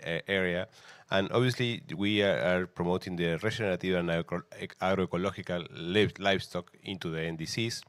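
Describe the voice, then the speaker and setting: Argentine man, native Spanish speaker, very low voice, dry close sound, halting panel talk. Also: fairly bright tone, no room sound. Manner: halting non-native phrasing with many restarts.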